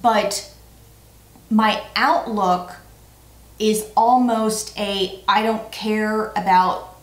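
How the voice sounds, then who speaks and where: Medium-pitched and steady, this woman in her forties speaks extremely slowly as she answers tag questions in a casual vlog chat. As co-host she is playful and emphatic, repeating words often, and the sound is roomy with echo.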